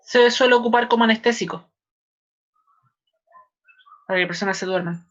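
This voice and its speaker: A woman's voice: on the high side, fairly bright tone. Patient Chilean woman teaching chemistry online. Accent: Chilean Spanish. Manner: patient, repeats names slowly, addresses students. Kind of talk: online class lesson. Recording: slightly dull lo-fi online class audio.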